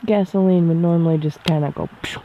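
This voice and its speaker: A woman's voice: mid-range voice, lively intonation, moderate pace, vocal fry, dull audio, noisy background. A young woman vlogging outdoors by a cabin in the woods, chatting casually and rambling with lots of fillers. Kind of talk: casual vlog chat.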